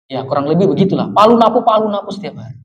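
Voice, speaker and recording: A man pastor telling a story in a sermon, acting out the dialogue with sudden loud outbursts. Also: high voice, sing-song, very fast. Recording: preacher heard from a distance.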